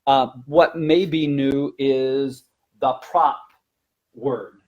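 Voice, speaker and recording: This male presenter and teacher trainer teaches webinar-style, conversationally and with animation as he explains and demonstrates things. He speaks very slowly at a medium pitch, and the audio is dull.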